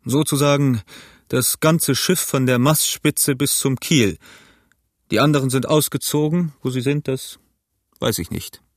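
A sly old pirate cook speaks in an amiable, easygoing tone that never quite hides the threat behind it, as a man reads him. The voice sits at an ordinary middle pitch. It is recorded close and dry for an audiobook. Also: a little slow, no room sound, close to an everyday voice. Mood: genial. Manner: smooth, amiable tone masking menace. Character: cunning, genial old male pirate cook.

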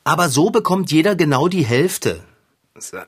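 A man's voice: on the high side, animated, normal speed, a little hiss or hum, close to an everyday voice. An actor playing a patient, coaxing male bike mechanic in a children's radio play, at times mildly exasperated.

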